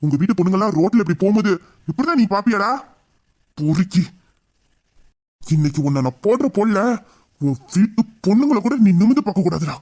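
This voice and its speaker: Audio drama: a hot-headed young boyfriend, anxious then threatening, played by a man; voice sits high. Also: lively intonation, a little fast, pauses often, darkish tone. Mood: furious. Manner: worried questioning, angry threats. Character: protective young man, heroine's lover, hot-tempered. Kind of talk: amateur Tamil audio drama.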